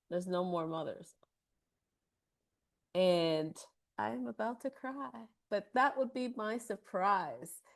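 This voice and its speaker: A middle-aged woman speaking candidly and from the heart in an impromptu answer on a video call. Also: lowish voice. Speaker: club member answering a question. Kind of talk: impromptu short speech.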